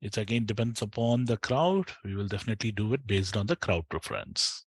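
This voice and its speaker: A man's voice: lowish voice, animated, fairly quick, husky, no echo. A man with an Indian accent giving live trading commentary as a streamer, talking conversationally and straight to his viewers.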